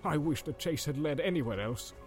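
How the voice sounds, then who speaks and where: A man voicing a gruff, grumbling male dwarf warrior in a storybook reading, blunt and wary, half joking. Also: fairly high pitch, expressive, brisk, faint music behind, pitched above the performer's own voice, lightly acted. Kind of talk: audiobook reading.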